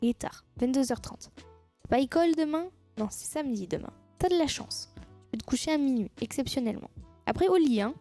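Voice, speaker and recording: A woman's voice: high-pitched, expressive, fairly quick, mellow, faint music behind. A woman chatting casually with her viewers on a live stream, teasing them and laughing at her own jokes.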